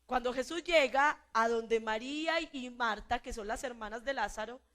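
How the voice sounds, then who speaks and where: A woman's voice: fairly high pitch, moderate pace, a bit bright. A woman with a Colombian accent preaching a sermon and putting repeated questions to the congregation. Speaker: pastor.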